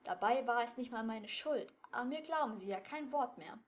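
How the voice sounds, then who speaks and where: A woman's voice: fairly high pitch, lively intonation, moderate pace, a little hiss or hum, natural voice. A woman voicing a tired grown man who sighs and sounds resigned about being blamed. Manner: sighing, resigned. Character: weary, frustrated grown man accused by villagers.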